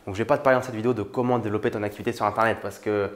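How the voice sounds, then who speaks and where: A man's voice: fairly low pitch, fairly even intonation, rapid-fire. A young man from France talking casually to the camera as a YouTuber, informal and familiar with the viewer, with frequent fillers. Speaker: YouTuber on money and online business. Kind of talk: casual direct-to-camera talk.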